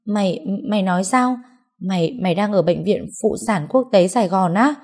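A woman voicing a flustered, apologetic young best friend who talks in a hurried, stammering way. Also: on the low side, dark tone, close to an everyday voice. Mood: startled.

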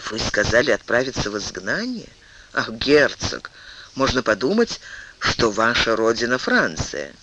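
A man reading an audiobook, voicing a composed older queen who speaks softly, measuredly and with a maternal sternness. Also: medium pitch, big pitch swings, unhurried, slight background noise, heavily acted, low-quality recording. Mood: stern.

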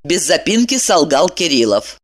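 A woman narrating a novel aloud, reading with lively, strongly varied intonation. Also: sits low, normal speed. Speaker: audiobook narrator.

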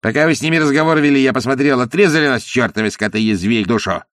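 A man's voice: mid-range voice, fast, a bit bright, no echo, clean studio sound, voice pushed up, natural voice. A man voicing a brash, foul-mouthed colonial timber merchant who snarls and curses. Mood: snarling. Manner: snarling, crude, cursing.

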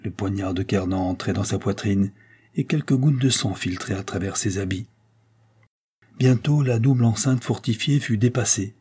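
A man narrating a historical novel in a steady, measured manner. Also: on the low side, husky. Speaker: audiobook narrator. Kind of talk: literary narration.

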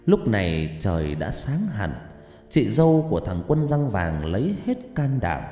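Animated male ghost story teller. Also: on the low side, measured pace. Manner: animated, dramatic telling. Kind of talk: dramatic ghost story narration. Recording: echoey room, long reverb, faint music.

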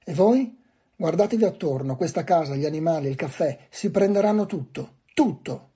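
Guy reading as a shouting scared dad, husky dark voice, yells at his daughters. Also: on the high side, expressive, normal speed. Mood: furious. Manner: shouting, harsh and scolding. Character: angry frightened middle-aged farmer father. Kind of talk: audiobook reading.

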